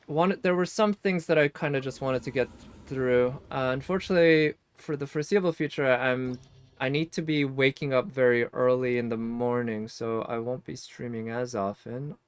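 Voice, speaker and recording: A man talks through his gameplay on a live stream, musing and picking apart details as he goes. His voice sits at an average pitch, casual and unhurried in tone. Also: clean tone, no room sound. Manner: musing, analytical.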